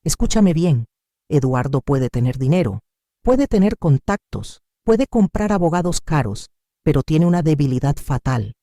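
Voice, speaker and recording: A determined young lawyer, firm and protective, speaks with earnest conviction in a told story, as a woman narrator puts him on. The voice rises and falls in a lively way and sits on a mellow, warm tone. It sounds dry and close. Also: on the high side, normal speed, no echo.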